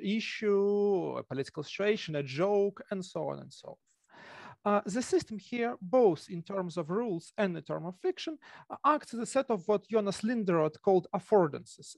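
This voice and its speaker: A man in his thirties with a thick Russian accent, giving an academic presentation haltingly over a video call. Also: high voice, vocal fry, no echo, clean studio sound. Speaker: conference presenter, academic researcher. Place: home room with bookshelves. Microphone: headset on a video call.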